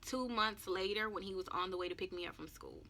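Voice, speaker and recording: A woman's voice: mid-range voice, a little fast, sharp tone, a little hiss or hum. A woman in her twenties frankly telling a personal story in a video journal, candid and emotional. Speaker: vlogger.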